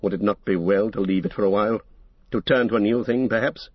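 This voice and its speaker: A commanding old wizard, as a man reads him aloud, speaking sternly in a husky, mid-pitched voice. The recording is dry and slightly dull. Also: quick pace, no room sound, close to an everyday voice. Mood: earnest. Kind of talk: audiobook character reading.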